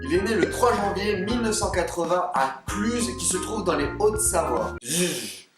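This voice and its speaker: A young woman narrates a video in a chatty, playful way, stretching words for effect. She sounds roomy and distant from the mic, with loud music behind her. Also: fairly low pitch, moderate pace. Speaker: video host.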